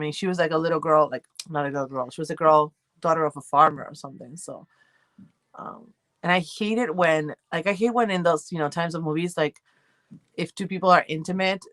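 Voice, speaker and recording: Low-pitched yet fairly bright, the voice belongs to an Argentine livestream host with a light accent. She chats and rambles while reading and answering the comments viewers post, with no room sound on the recording.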